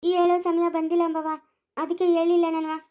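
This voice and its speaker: A woman's voice: extremely high pitch, monotone, fast, mellow. A woman with a Chikkaballapura rural Kannada accent playing an anxious, fearful aunt in a homemade family drama, speaking in a worried, pleading way. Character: anxious, fearful aunt warning a young man.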